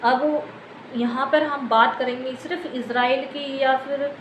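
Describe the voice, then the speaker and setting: A woman with an Indian accent gives unscripted news commentary, explaining things to viewers in a wordy, repetitive way. Her voice is high and steady, a little slow, and the lo-fi recording has an echoey room and clear background noise.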